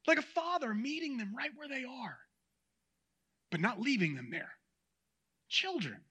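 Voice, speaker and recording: A man preaching a sermon in a conversational, animated way, addressing the audience directly. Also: extremely high pitch, normal speed, slightly rough.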